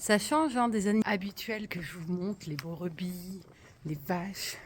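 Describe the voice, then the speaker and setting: A woman talking casually to her phone camera while walking a countryside trail, upbeat and full of filler pauses. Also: lowish voice, slight background noise. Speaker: vlogger walking a pilgrimage.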